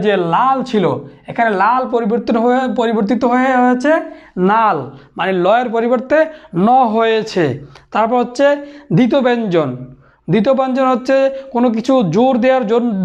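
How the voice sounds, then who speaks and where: High-voiced man giving a grammar lecture. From Bangladesh. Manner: explains step by step, repeats terms, many restarts. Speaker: grammar teacher. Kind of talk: recorded lecture. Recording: dull lo-fi recording.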